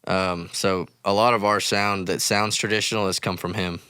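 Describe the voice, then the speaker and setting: A man's voice: low voice, little pitch movement, normal speed, bright, forceful tone, smooth, no echo. A man from West Texas, a musician guest, explaining his songwriting thoughtfully and casually with many fillers. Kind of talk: casual interview chat.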